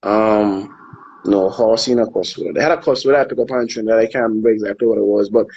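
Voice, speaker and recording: A man from Anguilla, a soca artist chatting casually in an interview, relaxed and hesitant, often repeating words while he thinks. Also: lowish voice, fast, husky, dull audio. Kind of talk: casual interview over a live video call. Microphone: phone on a live video stream.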